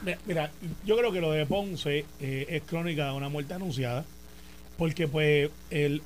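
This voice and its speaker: A Puerto Rican man co-hosting a political talk show, telling a long story in a lively, animated way. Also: a little high, a little hiss or hum. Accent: Puerto Rican Spanish. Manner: animated storyteller, fast and talkative. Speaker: senator and show co-host. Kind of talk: casual political debate.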